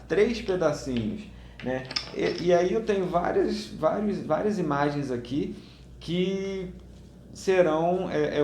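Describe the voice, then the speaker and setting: A man teaching parents a home learning activity, speaking slowly with frequent hesitant fillers. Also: fairly high pitch, vocal fry, a little mellow, slight background noise. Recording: echoey room, faint ambience.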